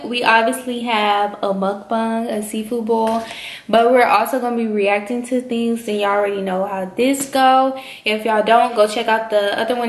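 A young woman chatting casually to her viewers while eating, sassy and full of "like" and "y'all". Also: fairly high pitch. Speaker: vlogger. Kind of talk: casual chat mukbang. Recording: echoey room.

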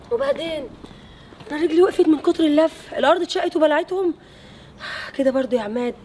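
An actress playing a suspicious wife who spies on her husband, speaking with an Egyptian accent in sharp, indignant bursts. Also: high-pitched, lively intonation, normal speed, long pauses, slight background noise. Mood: bitter. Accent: Egyptian Arabic.

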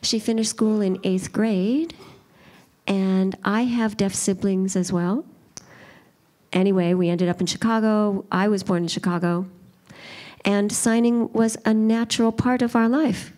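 A woman voices signed remarks as a live interpreter on a panel. Her voice is mellow and soft-edged, at an average pitch. She speaks in the first person, as interpreters do. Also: steady tone, a little slow. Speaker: interpreter voicing for signing panelists. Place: auditorium during a live panel.

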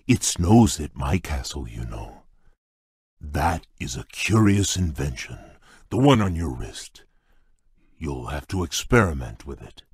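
A very deep, husky-voiced beast prince in a video game, gentle and shy, with formal, halting speech. He talks slowly, his low voice rising and falling widely, recorded dry in a studio. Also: no room sound, heavily acted.

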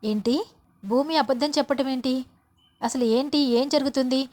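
A woman's voice: high-pitched, normal speed, darkish tone, close to an everyday voice. A woman voicing a stern middle-aged father who scolds and demands answers in a serial retelling. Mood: puzzled.

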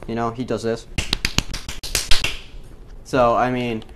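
Guy gamer rambling over gameplay, swearing, full of fillers, mid-pitched voice, faint background noise. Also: monotone, slow pace. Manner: rambling, profane, many fillers. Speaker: gaming YouTuber. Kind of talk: casual commentary over gameplay.

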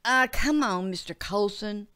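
A woman's voice: medium pitch, a little slow, sharp tone, clear, resonant tone. A woman reading aloud, voicing a cocky, teasing teenage country boy. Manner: teasing, guffawing.

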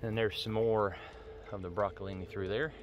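A man gives a casual, folksy farm tour vlog outdoors in the wind, speaking plainly into a handheld phone whose mic is shielded by a glove. He is a farmer with a low voice, fairly even intonation and a moderate pace, and the sound is lo-fi.

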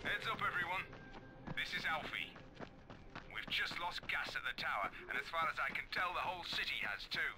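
Brisk male survivor technician, slightly high voice, radio filter, music behind. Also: lively intonation, rough recording. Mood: brisk, concerned. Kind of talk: video game voice acting.

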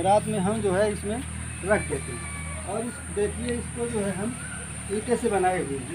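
A goat farmer in his thirties with a high-sitting voice shows visitors around his farm, explaining things plainly during a casual walking tour and constantly repeating the filler "jo hai." He's outdoors among rural fields and brick sheds, filmed on a moving phone camera held by someone else, with loud outdoor noise and insects in the background.

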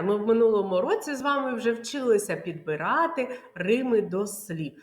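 A woman teaching young children online, drawing out words in a sing-song way and answering her own questions. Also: mid-range voice. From Ukraine. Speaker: kindergarten teacher. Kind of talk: online preschool literacy lesson. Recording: echoey room.

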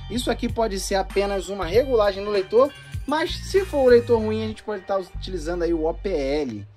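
Medium pitch, a darkish tone, and a slightly rough texture mark this Brazilian-accented gaming channel host. He casually talks viewers through his hands-on console trials with a playful, slang-filled delivery.

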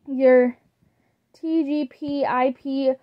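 Woman doing a know-it-all techy teen girl, high voice, slow and explaining, storybook. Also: steady tone, lo-fi sound. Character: confident teen monster girl, techy and matter-of-fact.

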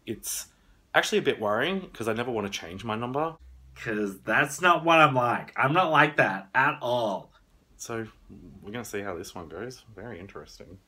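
A man's voice: mid-range voice, animated, normal speed, sharp tone, slightly rough. A man talking casually to a handheld camera in a vlog, chatty and joking, swinging between mumbles and sudden bursts. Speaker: vlogger.

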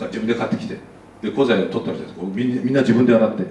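Man, architect lecturing over slides, quick talker, chatty asides, roomy hall, distant mic. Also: on the low side, mellow, a little hiss or hum. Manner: chatty, with many asides and tag particles. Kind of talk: slide lecture, casual storytelling.

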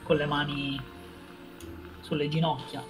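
A man playing a tabletop role-playing game, speaking casually and deliberately in character. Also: on the high side, flat delivery, over music. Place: indoor room, online group stream.

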